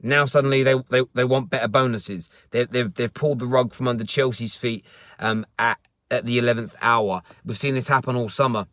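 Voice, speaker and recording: A young man hosts a casual football talk stream from his parked car, answering viewer comments and often repeating words or restarting sentences. His medium-pitched voice is steady, brisk, and fairly bright. The recording is clean studio sound with no room sound.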